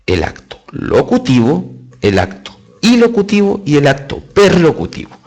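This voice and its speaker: A man's voice: on the high side, wildly swooping pitch, normal speed, darkish tone. A man with a Chilean accent teaching a live online lesson, explaining step by step with emphatic stresses and chatty asides. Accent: Chilean Spanish. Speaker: test-prep teacher.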